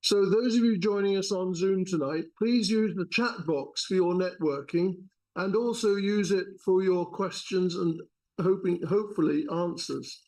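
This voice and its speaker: Man, event host, high voice, polite formal introduction, a little halting. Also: a little mellow. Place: lecture room.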